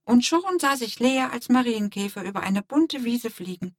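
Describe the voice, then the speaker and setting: A woman narrating a children's story in a calm, gentle, expressive way. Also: a little high, normal speed, no echo, studio quality. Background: soft music.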